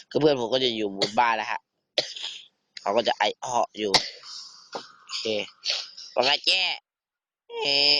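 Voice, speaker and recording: A teenage man giving casual, excitable commentary over a survival game, swearing and bantering with a friend. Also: mid-range voice, unhurried, pauses often, heavy background noise. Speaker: gamer.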